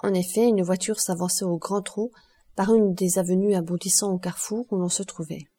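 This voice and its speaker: Woman narrating an audiobook, mellow. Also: on the low side, slightly rough. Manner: steady, measured reading.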